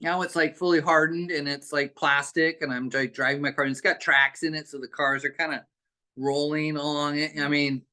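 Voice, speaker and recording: A man's voice: fairly high pitch, flat delivery, moderate pace, bright, forceful tone. A man casually telling a childhood story on a video call, rambling, with many fillers and restarts. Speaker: group participant.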